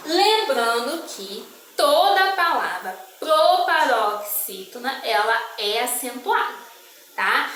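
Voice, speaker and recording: A woman's voice: high-pitched, fairly bright tone. A Brazilian woman teacher explaining a lesson patiently to young children, drawing out her words and checking in often. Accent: Brazilian Portuguese. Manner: patient, drawn-out syllables, checks in with "tá?". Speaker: primary school teacher. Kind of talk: slow, careful classroom explanation. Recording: echoey room, far from the mic, faint background noise.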